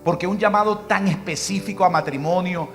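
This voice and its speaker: In a sermon backed by music, a Venezuelan pastor in middle age tells a story from his own life and acts out exchanges, quoting his wife. He has a Venezuelan Spanish accent, a high-sitting voice, and a slightly fast pace.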